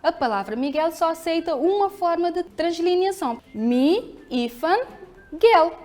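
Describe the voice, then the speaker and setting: Lively high-voiced Portuguese teacher. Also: female voice. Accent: European Portuguese. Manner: clear, patient, asks pupils questions and answers them. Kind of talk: televised school lesson.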